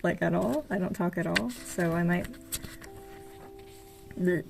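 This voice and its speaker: A young woman, an art vlogger, casually tours her old sketchbooks over background game music. Her voice is on the low side, slow and gravelly, and grows tired as she goes. She is soft-spoken and hesitant, with plenty of fillers.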